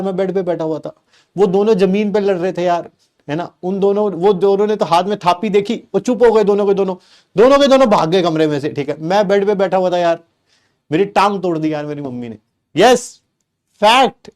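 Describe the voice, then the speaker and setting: A middle-aged man, a teacher telling a comic story from his childhood to his live class in an animated, teasing way. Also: fairly high pitch. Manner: animated and playful, teasing the class with rhetorical questions.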